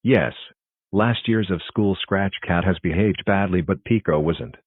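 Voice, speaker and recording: A man's voice: sits low, unhurried, breathy edge, dry recording, narrow, tinny audio. A synthetic-sounding man voicing a worried, suspicious cartoon father in a stiff, formal way. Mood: concerned, polite. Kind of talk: scripted cartoon dialogue.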